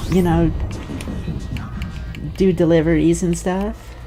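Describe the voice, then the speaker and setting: A woman's voice: on the low side, little pitch movement, slow pace, dark tone, faint music behind. A woman streamer with a slight lisp, chatting offhand and dry while she plays a game. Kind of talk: casual chat while gaming.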